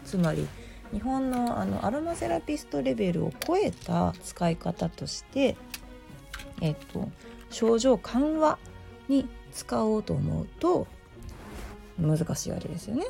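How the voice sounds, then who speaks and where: A middle-aged woman with a gravelly, just-woken hoarse voice, chatting casually and self-deprecatingly as the host of a solo show. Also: on the high side, big pitch swings, a little slow, dark tone, faint music behind. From Osaka, Japan. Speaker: host, aromatherapy shop presenter.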